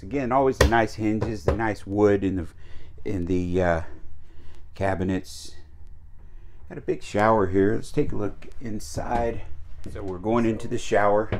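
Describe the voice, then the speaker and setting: A man's voice: on the low side, a little hiss or hum. Easygoing man touring an RV. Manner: easygoing, chatty, with frequent uh fillers and small restarts. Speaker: RV salesman giving a walkthrough tour. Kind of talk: casual walkthrough narration. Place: inside a travel trailer. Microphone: handheld camera mic while walking.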